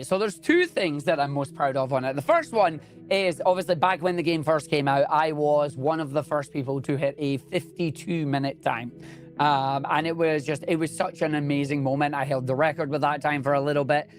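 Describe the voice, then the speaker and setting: With soft music in the background, a young man with a Scottish accent jokes around and talks eagerly about speedrunning as an interview guest. His pitch is on the high side and his pace a little fast, in a casual chat.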